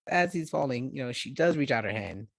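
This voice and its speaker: A man playing in a tabletop game, describing his character's actions in a halting way. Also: medium pitch, animated, creaky. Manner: halting, with many fillers and restarts. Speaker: player. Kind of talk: casual role-play chat.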